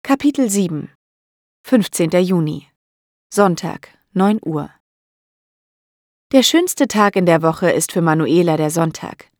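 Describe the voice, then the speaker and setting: Woman reading a learners' story, clear and measured, very dry close recording. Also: on the low side, lively intonation, darkish tone, no echo. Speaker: narrator. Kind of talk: audiobook narration for learners.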